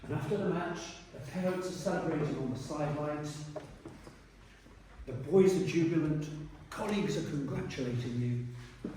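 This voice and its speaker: A man's voice: on the high side, dark tone, voice pushed up, close to an everyday voice. A man putting on a very posh, pompous headmaster. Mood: pompous quizzing. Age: 60s. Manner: plummy, drawn-out, lecturing. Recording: echoey hall from far off, noisy.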